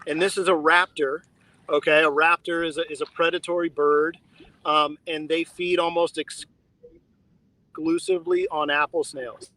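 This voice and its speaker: A man, a biologist guide leading a live outdoor field trip, talking haltingly with fillers while his stream audio cuts out and the volume jumps up and down. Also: a little high, animated, pushed and bright, dry recording, rough recording. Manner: halting, with frequent fillers and restarts. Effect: uneven volume with audio cutting out over a laggy live stream. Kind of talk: live outdoor educational talk. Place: outdoors by a marsh.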